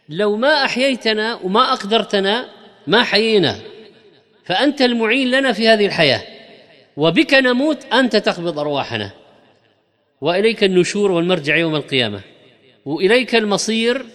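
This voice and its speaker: A man giving a religious lesson, explaining slowly and stretching key words for emphasis. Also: high-pitched, very animated, a bit bright, in a large hall. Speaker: religious teacher.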